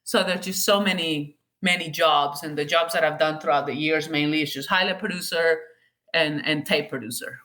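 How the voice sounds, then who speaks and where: A woman's voice: deep voice, normal speed, sharp tone. A woman in her forties from Colombia, speaking, chatting candidly as an interview guest and often correcting herself mid-sentence. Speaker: guest, golf TV producer. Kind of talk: casual interview chat.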